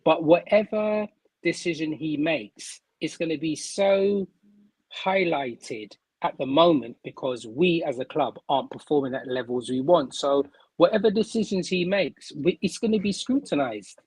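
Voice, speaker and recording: Husky-voiced host, dry sound. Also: male voice, a little high, moderate pace, dry recording, poor audio. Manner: animated, repeats words as he builds a point. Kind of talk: casual live-stream football chat. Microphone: remote stream mic.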